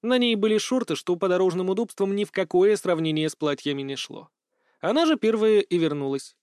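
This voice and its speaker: A man narrating a fantasy story in an even storytelling voice with dry wit. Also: high voice, a little fast, clear, resonant tone, no room sound. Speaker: audiobook narrator. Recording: dry close studio mic.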